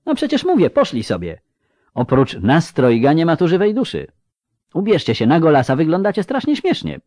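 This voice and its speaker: A man doing a chatty high-voiced young girl. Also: wildly swooping pitch, normal speed, dry recording, studio quality. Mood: cheerful. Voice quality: high girlish voice, bright and loud. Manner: chatty and eager.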